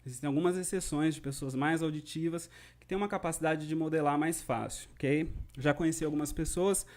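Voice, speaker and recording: A man's voice: fairly high pitch, fairly even intonation, fairly quick, a little mellow. A Brazilian man teaching a live-streamed lesson, explaining at length and often checking in with his viewers. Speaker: English teacher.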